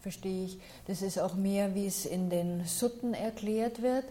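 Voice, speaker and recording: A woman working as a meditation teacher, calmly and patiently answering questions from listeners during a talk. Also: mid-range voice, a little slow.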